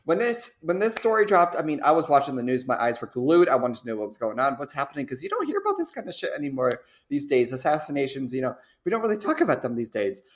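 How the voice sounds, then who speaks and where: A woman's voice: deep voice, fast talker, hardly any pauses. A young woman co-hosting a casual podcast chat, giggly and swearing as she tells stories. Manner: giggly, swearing, lively storytelling. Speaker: podcast co-host.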